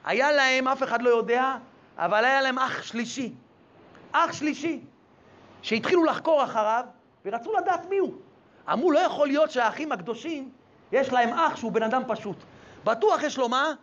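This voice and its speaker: A male rabbi giving an animated sermon full of stories and rhetorical questions, in a dull lo-fi recording. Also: very high voice. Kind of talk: sermon with storytelling.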